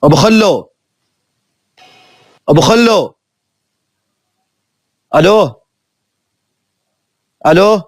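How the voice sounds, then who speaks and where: Male streamer, playful rapid banter, dry close recording. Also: high-pitched, no echo. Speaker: live streamer. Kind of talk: casual live-stream chat with viewers.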